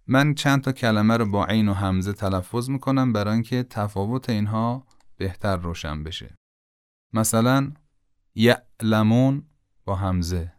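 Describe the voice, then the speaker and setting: A man giving a patient pronunciation lesson for Quran recitation, slowly drawing out sounds to demonstrate them. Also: lowish voice, smooth, no echo, studio quality.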